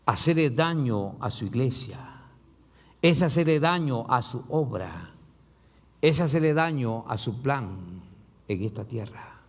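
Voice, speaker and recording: A man pastor preaching a sermon, reading scripture aloud and asking the congregation rhetorical questions with rising emphasis and low drops. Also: lively intonation, takes it slowly, in a large hall.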